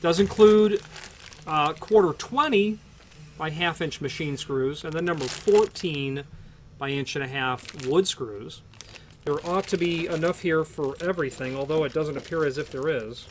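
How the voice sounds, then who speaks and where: A man's voice: fairly high pitch, a little slow, slight background noise. A man explaining door hardware off the cuff, talking in loose, restarting sentences full of fillers. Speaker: hardware product presenter. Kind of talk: unscripted product explanation.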